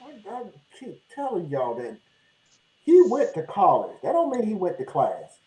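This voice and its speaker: A man's voice: high voice, wildly swooping pitch, normal speed, mellow, a little hiss or hum. A man co-hosting a casual political chat, blunt and dismissive, his voice distant and tinny as if inside a tin can on a bad remote mic. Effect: distant tinny sound, as if inside a tin can. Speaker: co-host. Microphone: bad remote mic on a call. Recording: echoey, far from the mic.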